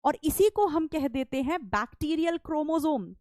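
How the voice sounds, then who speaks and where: A woman teacher giving an online lecture, explaining step by step, asking questions and answering them herself, speaking softly and chatting with her students. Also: high voice, animated, normal speed, no echo. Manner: chatty, calls students "beta"; soft-spoken, won't shout.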